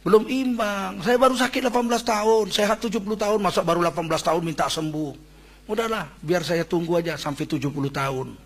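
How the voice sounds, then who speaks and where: A male preacher voicing a patient, gravely ill old prophet who speaks calmly and pleads in prayer. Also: high voice, quick pace. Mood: resigned.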